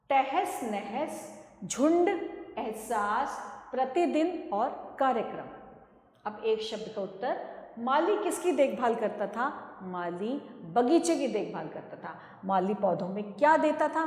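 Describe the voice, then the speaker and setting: A woman teacher explaining a lesson and pronouncing words slowly and carefully for children. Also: a little high, darkish tone. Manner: slow, drawn-out teacher's pronunciation drills. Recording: echoey room with long reverb.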